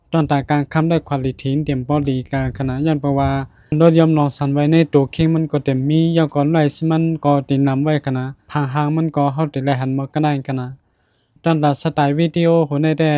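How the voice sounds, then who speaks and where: Shan-accented guy narrating his travel vlog, kinda high voice, flat and steady. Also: smooth, dry recording. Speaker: vlogger.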